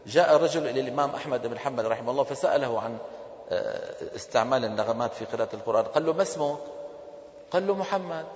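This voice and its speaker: A man's voice: mid-range voice, expressive, rapid-fire. A man giving a classroom lesson, asking his students questions and answering them himself. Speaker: teacher of Quran recitation. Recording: dull echoey hall recording.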